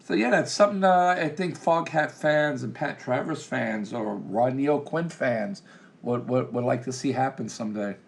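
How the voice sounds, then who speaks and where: A man interviews a musician in a relaxed, friendly way. He nods along with affirmations and asks open, easygoing questions. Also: medium pitch, moderate pace, gravelly, slight background noise. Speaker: interviewer, host. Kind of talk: casual interview.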